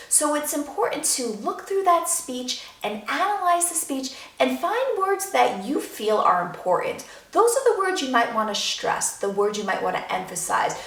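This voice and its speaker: A woman drama teacher giving a clear, instructive video lesson to students. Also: on the high side, roomy sound, far from the mic.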